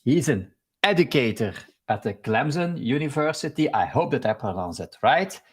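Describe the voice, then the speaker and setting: A man with a Belgian accent hosts a live stream interview over a video call. His voice is husky and breathy. He talks in a halting, friendly way, restarting and filling his sentences. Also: mid-range voice, very animated. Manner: halting, with many fillers and restarts.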